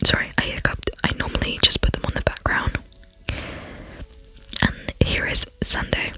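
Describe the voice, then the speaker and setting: A soft, rambling voice whispering gameplay commentary for an ASMR channel. The whisper is bright and crisp, almost entirely breath with barely any voiced tone. The talk is casual and chatty, full of ums and small self-mocking asides. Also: moderate pace. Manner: self-deprecating, lightly giggly asides. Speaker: ASMR gaming channel host.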